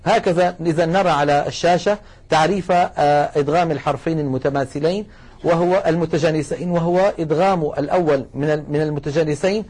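Husky-voiced man teaching recitation rules. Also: fairly high pitch, darkish tone. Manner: explanatory, addresses listeners as brothers, drawn-out example recitations. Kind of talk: recorded lesson on tajweed rules.

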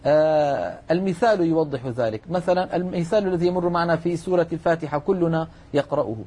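A man teaching Quran recitation rules in a measured, patient way, repeating key points. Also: fairly high pitch, dark tone, slightly rough. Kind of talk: explanatory lesson.

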